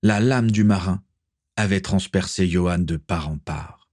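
A man narrating an adventure story in a steady, even reading voice. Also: sits low, measured pace, no room sound, studio quality. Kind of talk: audiobook reading.

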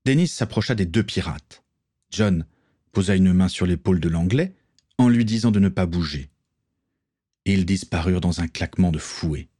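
A man narrating a story in a steady audiobook reading. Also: deep voice, normal speed.

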